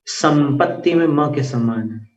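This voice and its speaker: A man with a fairly high voice who slowly chants verse and then stops to explain how each sound is said. He is heard from a distance in an echoey room, and the recording sounds dull. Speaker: recitation teacher. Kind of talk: teaching Sanskrit hymn pronunciation.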